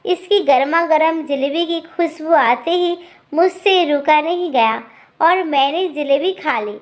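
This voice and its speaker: A gluttonous young village wife, as a woman storyteller puts her on, sheepish and pleading. Her voice is high and her speech slow.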